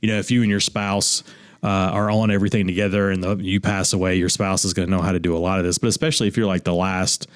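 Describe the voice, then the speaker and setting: A man's voice: deep voice, level tone, quick pace, clean tone, no room sound, clean studio sound. A man, an attorney co-hosting a radio show, talking casually about wills with easygoing restarts. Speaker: attorney co-host. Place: radio studio.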